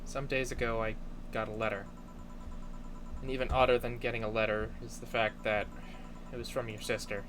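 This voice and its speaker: A man's voice: mid-range voice, flat delivery, moderate pace, long pauses, close to an everyday voice. A man voicing an anxious, irritable young woman bartender in a game, with a stammering, dramatic delivery. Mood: hesitant. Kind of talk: hobby video game voice-over.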